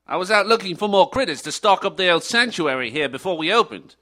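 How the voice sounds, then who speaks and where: An actor playing a jovial ex-pilot who runs an animal sanctuary, in a chirpy, slangy, easygoing manner, in a live audio drama. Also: male voice, high-pitched, animated, fast talker, pushed and bright. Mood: cheery.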